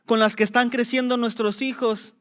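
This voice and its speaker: A man's voice: very high voice, little pitch movement, moderate pace, fairly bright tone, clean tone. A man preaching a sermon as pastor, with impassioned emphasis and rhetorical questions to the congregation.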